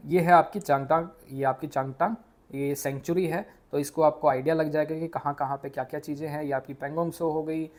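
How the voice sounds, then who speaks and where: A man from India with an Indian accent, teaching a quick exam revision lesson, mixing English into his speech and stumbling over hard names. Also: a little high, a little mellow. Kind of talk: casual exam revision lecture.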